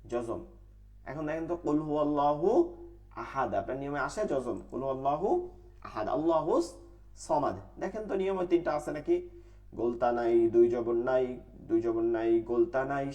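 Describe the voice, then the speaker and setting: প্রশ্ন করে নিজেই উত্তর দেওয়া পুরুষ কুরআন শিক্ষক. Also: male voice, mid-range voice, warm tone. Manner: asks questions and answers them himself, repeats rules in a drill. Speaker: Quran recitation teacher. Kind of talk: online tajweed class.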